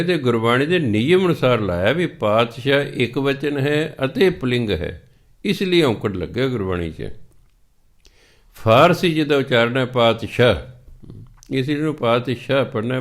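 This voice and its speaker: A man with a Punjabi accent giving a scripture sermon, reciting verses slowly and then explaining them patiently in plain talk. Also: medium pitch. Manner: patient, teacherly, repeats points.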